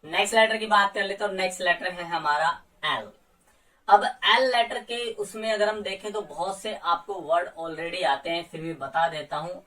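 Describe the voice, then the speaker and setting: A man's voice: fairly high pitch, bright, forceful tone. Patient male tutor, slightly distant mic. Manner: patient, repeats example words slowly. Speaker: English teacher. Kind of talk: explaining silent letters in a lesson. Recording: voice a little far from the mic.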